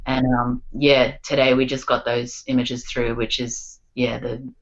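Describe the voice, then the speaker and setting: A woman's voice: very deep voice, flat delivery, measured pace, highs cut off. A woman, chatting casually as a guest on a podcast, peppering her talk with "like" and "um". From Australia. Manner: chatty, lots of "like" and "um". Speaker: guest singer-songwriter.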